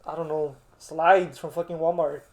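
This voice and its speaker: A man's voice: fairly high pitch, flat delivery, normal speed, darkish tone. A young man chatting casually like a laid-back stoner, slangy and full of swearing. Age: young adult. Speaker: co-host. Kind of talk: casual chat. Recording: roomy, echoing indoor sound.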